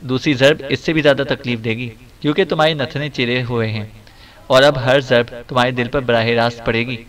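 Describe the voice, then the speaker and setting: A man's voice: medium pitch, steady tone, fairly quick, fairly bright tone, distant mic, natural voice. A man voicing a ruthless male spy major who interrogates in a stern, growling tone, read for an audiobook. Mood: menacing.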